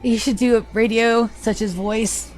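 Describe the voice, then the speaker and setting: A woman with a Southern US Georgia accent and a slight lisp streams a game, chatting casually to viewers and greeting them by name as she comments on her live gameplay. Her voice sits on the high side, with a steady tone and an unhurried pace.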